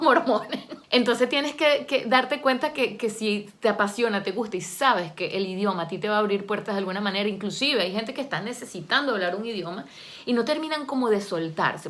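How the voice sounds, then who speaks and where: A woman talking casually to her viewers, chatty and expressive and often laughing as she tells stories. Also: mid-range voice. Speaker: vlogger and language learner. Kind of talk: casual talk to camera.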